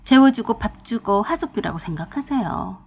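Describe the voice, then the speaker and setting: A woman voicing a defiant, sharp-tongued young wife. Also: a little high, animated, normal speed, vocal fry, slightly rough, full character voice. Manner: blunt, sharp, talking back.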